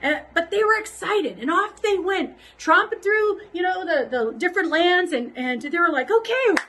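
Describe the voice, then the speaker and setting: A woman children's pastor telling a Bible story to kids, casual and animated, acting out the crowd's voices. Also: very high voice, moderate pace, poor audio.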